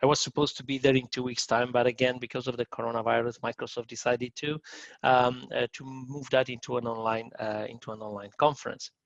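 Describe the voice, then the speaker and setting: A man, giving a technical conference talk, halting with many fillers and restarts. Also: medium pitch, flat delivery, creaky, no echo. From Romania. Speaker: conference speaker. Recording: dull lo-fi dry recording.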